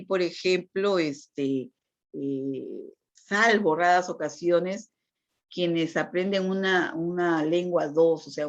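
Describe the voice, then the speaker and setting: A woman teacher giving a lecture on communication, explaining patiently and checking in with frequent tag questions. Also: lowish voice. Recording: dull lo-fi recording.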